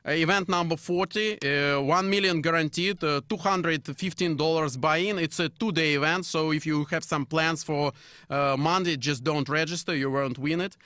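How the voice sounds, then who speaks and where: Russian-accented guy on poker radio, bright sharp voice, slightly high, lots of uhs. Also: steady tone, dry recording, studio quality. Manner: hesitant, many filler pauses. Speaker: radio co-host. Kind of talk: casual poker radio chat.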